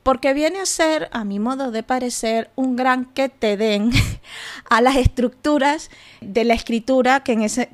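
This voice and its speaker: A woman hosting a podcast, explaining step by step in a casual way with asides and rhetorical questions. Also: fairly high pitch. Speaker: podcast host.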